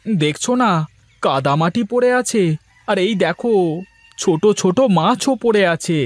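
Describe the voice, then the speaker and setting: A man's voice: high-pitched, expressive, a little slow, no echo. A man doing a sly, lazy village husband. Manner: sly, plotting muttering. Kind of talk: cartoon voice acting.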